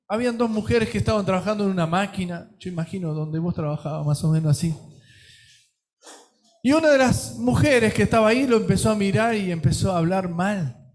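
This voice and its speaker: A man with a Rioplatense accent preaching a sermon, telling a story with acted quotes and swinging between loud and soft. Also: high voice. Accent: Rioplatense Spanish. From Argentina.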